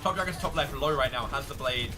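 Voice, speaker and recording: A man's voice: medium pitch, quick pace, music in the background. A man giving live esports analysis as a co-caster, reasoning conversationally through the match.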